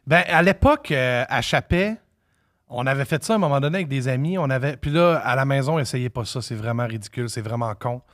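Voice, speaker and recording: A man with a Québécois French accent chats as a guest on a podcast. He jokes brashly and laughs through his stories, at a middle pitch. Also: brisk, a bit bright. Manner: joking, brash, laughs while telling stories. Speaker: musician guest. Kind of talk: casual interview chat.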